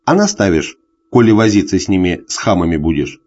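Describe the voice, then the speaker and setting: A man puts on a tipsy, jealous husband, bullying and full of threats, his low voice hollow and tearful and swinging wildly in pitch. The sound is a dull, lo-fi audiobook recording. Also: sing-song, brisk, a little mellow. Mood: grumbling. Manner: hoarse tearful bullying rants. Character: drunk jealous husband, middle-aged, bullying.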